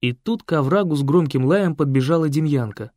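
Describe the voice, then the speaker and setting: A man narrating a humorous first-person story in a lively storytelling way. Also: fairly high pitch, a little fast, no room sound, clean studio sound.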